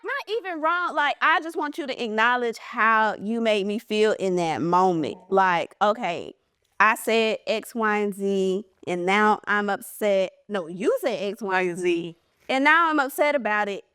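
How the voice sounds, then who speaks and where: Woman co-host, playful echoing chat, swooping pitch, dry close sound. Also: animated, unhurried, a bit bright, smooth. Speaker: podcast co-host. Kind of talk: casual chat.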